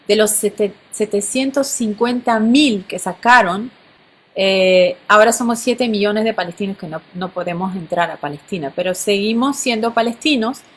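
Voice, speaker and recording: A woman's voice: mid-range voice, fairly bright tone. Earnest woman on a video call. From Syria. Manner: earnest, measured, with hesitations. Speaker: interview guest, journalist. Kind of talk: live video-call interview.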